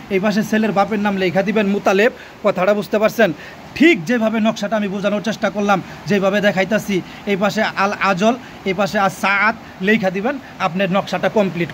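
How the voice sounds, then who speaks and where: A man with a high-pitched voice teaches like a folk healer. He talks insistently, repeats key phrases two or three times and keeps asking whether he has been understood. A faint hiss sits under the recording. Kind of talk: instructional talk.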